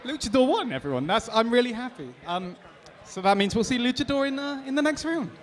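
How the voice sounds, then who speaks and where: Upbeat British interviewer with a lively, high voice. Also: male voice, brisk, long reverb tail. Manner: upbeat, exclamatory. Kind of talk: cheerful post-fight interviews.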